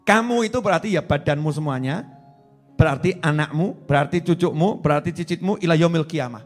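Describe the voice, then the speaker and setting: A middle-aged man, preaching a sermon, animated, going from soft asides to loud emphatic repetition. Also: fairly high pitch, brisk, faint music behind.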